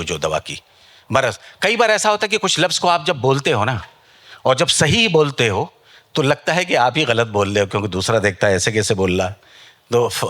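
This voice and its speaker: A man teaching a masterclass to a live audience, explaining and correcting word pronunciation and repeating words slowly to demonstrate them. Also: mid-range voice, a bit bright. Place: festival stage before an audience.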